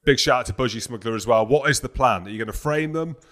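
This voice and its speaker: Blokey man with a medium-pitched voice. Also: fast, fairly bright tone. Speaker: podcast co-host. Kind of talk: casual sports banter.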